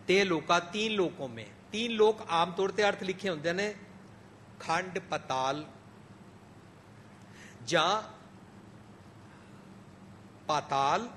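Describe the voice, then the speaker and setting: A man preaching a sermon in a gurdwara, mixing English phrases into his talk, swinging between emphatic peaks and soft drops. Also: a little high, a little hiss or hum. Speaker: Sikh preacher. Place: gurdwara hall.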